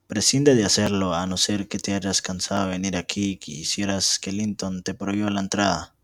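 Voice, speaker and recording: A young man reading aloud as a proud young lady of the house who gives sharp commands. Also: deep voice, steady tone, moderate pace. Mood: commanding. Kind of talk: amateur reading of a novel.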